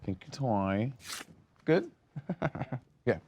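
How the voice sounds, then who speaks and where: A man's voice: medium pitch, sing-song, very slow, lo-fi sound, very noisy. A man hosting a casual recap chat, playful and slangy, laughing often. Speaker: host.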